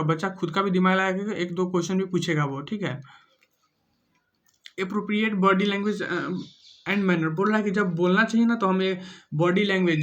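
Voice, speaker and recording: A man giving a casual teacher-training lecture, reading English headings slowly and then explaining them in Hindi with simple examples, often checking "ठीक है ना". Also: high voice, fairly bright tone. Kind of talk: casual exam-prep lecture.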